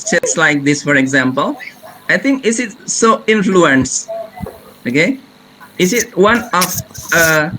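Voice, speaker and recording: A man answering a question in class, halting with many restarts and fillers. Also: fairly high pitch, background noise. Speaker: presenter in a class discussion.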